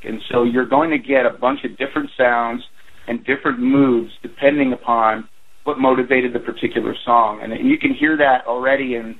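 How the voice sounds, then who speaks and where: A man in his forties, a band's drummer, talking earnestly with lots of fillers as a guest on a radio interview. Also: medium pitch. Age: 40s. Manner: rambling, earnest, with many fillers. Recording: tinny phone line.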